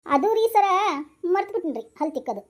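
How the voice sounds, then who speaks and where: Skit role: woman voicing a deferential, slow-witted male constable, North Karnataka accent, very high voice. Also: very animated, warm tone. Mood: chatty. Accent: North Karnataka Kannada. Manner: chatty, deferential to his boss. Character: dim, chatty male police constable. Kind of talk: comic skit acting.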